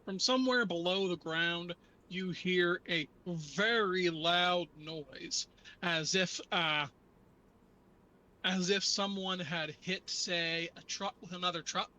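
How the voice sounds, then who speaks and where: Male game master, higher-pitched and bright, unhurried halting narration of a tabletop game.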